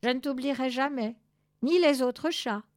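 Baby seagull, female, fearful and high-pitched, done by a woman reader. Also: measured pace. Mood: joyful. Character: frightened young female seagull chick.

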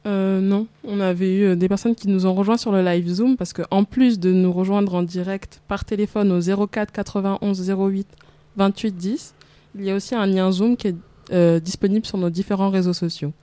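A woman co-hosts a call-in radio show. Her voice is smooth, warm and mellow, recorded close and dry in the studio. She speaks reflectively and hesitates often. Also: medium pitch, steady tone, brisk, dry recording. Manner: reflective, hesitant with many fillers.

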